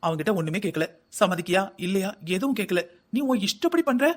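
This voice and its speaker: A nagging older husband in a cartoon, as voiced by a performer, talking in a quick, middling-pitched voice with a South Tamil Nadu accent. He scolds and grumbles about the household without pause. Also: lively intonation, natural voice. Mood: grumbling. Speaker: voice actor in a family cartoon. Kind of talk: cartoon family comedy acting.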